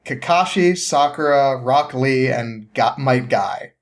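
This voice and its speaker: A podcast guest, a man with a mid-pitched voice, recaps a story loosely and conversationally. He rambles and halts as he feels for what comes next, sounding amused and often chuckling.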